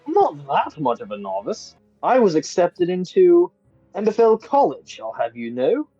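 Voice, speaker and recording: A man's voice: high voice, huge pitch swings, normal speed, warm tone, slightly rough, no echo, highs cut off, soft background music, voice pushed up, heavily acted. A man voicing a young wizard student with a put-on British accent, proud and easily offended. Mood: huffy.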